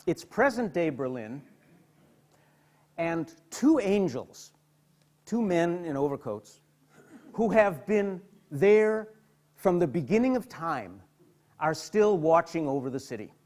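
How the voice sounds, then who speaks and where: Speaking slowly with frequent pauses, this middle-aged psychotherapist lectures an audience at a hospital, very animated as he tells stories. His fairly high voice has a darkish tone, and he often repeats and restarts words.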